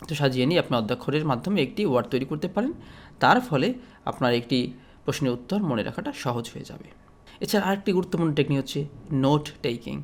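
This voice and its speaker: A man from Bangladesh giving an explanatory lecture as a teacher, speaking steadily with frequent pauses and fillers. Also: on the high side, lively intonation.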